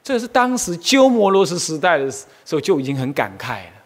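Lively, high-voiced monk lecturing. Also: male voice, brisk. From Taiwan. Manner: animated, asks the audience questions, exclaims often. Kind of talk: Buddhist history lecture.

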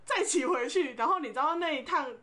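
A woman, chatting on a podcast. Her voice sits a little high, and she tells her stories with animation, laughing in the middle of sentences. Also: fairly quick. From Taiwan. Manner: animated storyteller, often laughing mid-sentence. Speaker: podcast co-host. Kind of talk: casual chat, storytelling.

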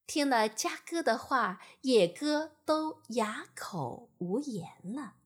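Gentle woman storyteller, breathy and slow, sing-song pitch for a bedtime read. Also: lively intonation.

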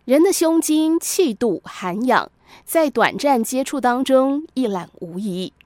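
A woman narrating a moral story in a measured, scripted storytelling style. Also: sits high, lively intonation, darkish tone, dry recording.

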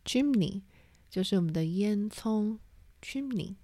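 Slow, mellow-voiced woman teaching vocabulary. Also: medium pitch, expressive, dry recording. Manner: spells words letter by letter, repeats terms. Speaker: English teacher. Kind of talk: vocabulary lesson.

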